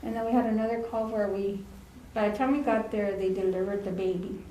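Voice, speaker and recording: A woman speaks at a memorial, telling anecdotes in a chatty, easygoing way and slipping Spanish phrases into her English. Her voice sits at an ordinary middle pitch. The podium mic picks up a reverberant chapel with a faint ambient hum behind her. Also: fairly even intonation, fairly quick, warm tone. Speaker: former ambulance partner giving a eulogy. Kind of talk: storytelling eulogy. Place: funeral home chapel.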